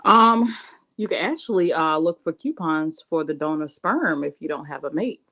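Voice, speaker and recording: A woman's voice: deep voice, lively intonation, moderate pace, fairly bright tone. A woman chatting on a podcast, frank and candid, laughing easily as she shares money tips. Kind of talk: casual podcast chat.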